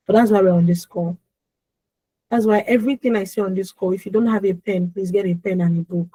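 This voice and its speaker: A young adult woman hosting an online emotional healing session, reassuring attendees, calling them by name and pleading with them gently. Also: medium pitch, no room sound, low-quality recording. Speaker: conference host and emotional healing coach. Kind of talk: live online coaching session. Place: online video call.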